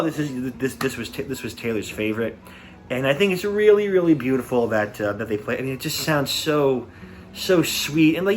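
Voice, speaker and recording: A man's voice: medium pitch, slight background noise. Gushing man reviewing a concert. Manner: enthusiastic, gushing, repeats words often. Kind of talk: casual review monologue.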